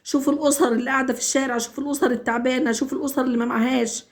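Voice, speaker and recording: Woman, Egyptian accent, high-pitched, pleading, repetitive, stammering restarts. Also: fairly even intonation, very fast. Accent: Egyptian Arabic. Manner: stammers and restarts when upset. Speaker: vlogger. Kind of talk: emotional direct-to-camera appeal.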